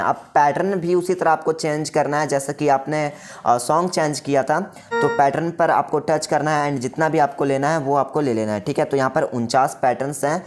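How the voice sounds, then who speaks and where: Man demoing a keyboard, faint music behind. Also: a little high. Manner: explanatory, often checks in with the viewer. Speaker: music shop staff demonstrating a keyboard. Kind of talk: casual product demo. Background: faint keyboard tones.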